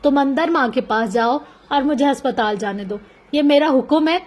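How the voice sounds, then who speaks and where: A woman's voice: sits high, moderate pace, lightly acted. A woman voicing a composed young woman who gives firm orders in a novel reading.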